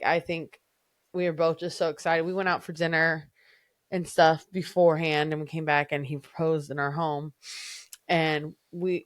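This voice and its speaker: A woman's voice: low voice, smooth, no room sound, studio quality. A woman in her thirties co-hosting a family podcast with her husband, chatty and giggly, with lots of "like" and "um". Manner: chatty, giggly, adds "like" and "um" a lot. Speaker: podcast co-host. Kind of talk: casual conversation.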